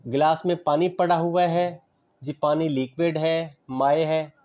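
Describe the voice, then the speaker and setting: A man's voice: fairly high pitch, little pitch movement, measured pace, darkish tone, muffled recording. A man giving a classroom lecture on physical education, explaining patiently with everyday examples, mixing in English terms and checking that students understand.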